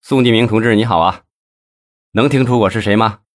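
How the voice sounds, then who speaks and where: A man voicing a stern, calm male official who speaks with firm authority. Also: lowish voice, a little hiss or hum, lightly acted. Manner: firm, measured.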